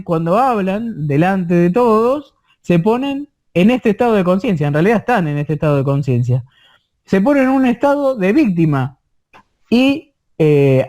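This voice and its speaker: His voice sits high but has a dark tone, accented with Argentine Spanish. As a course instructor teaching online, he goes slowly, repeats points many times and keeps checking in with those listening.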